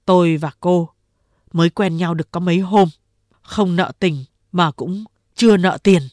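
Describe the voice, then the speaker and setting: A woman's voice: fairly low pitch, unhurried, darkish tone, no room sound, clean studio sound, close to an everyday voice. A woman voicing a big, burly male company boss who despairs and weeps, pleading in a self-pitying way. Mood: despairing. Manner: sobbing, self-pitying pleas.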